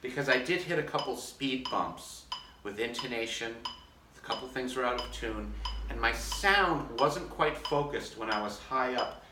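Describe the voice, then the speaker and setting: A man, an orchestra concertmaster, calmly and methodically explaining his practice routine in a casual demonstration. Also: mid-range voice, normal speed, noisy background. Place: practice room, filmed on a phone. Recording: echoey room, mic at a distance.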